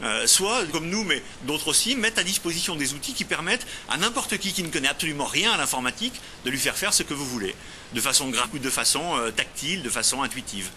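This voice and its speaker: Fast-talking, bright-voiced male guest. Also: on the high side, animated, a little hiss or hum. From Lyon, France. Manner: explanatory, hesitant with frequent fillers and restarts. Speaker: robotics company founder, guest. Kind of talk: TV interview answers.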